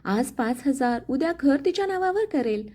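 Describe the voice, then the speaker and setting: A woman's voice: high voice, lively intonation, normal speed, darkish tone. A woman voicing a spiteful, scheming young sister-in-law in a spoken family story, with a sneering, taunting manner.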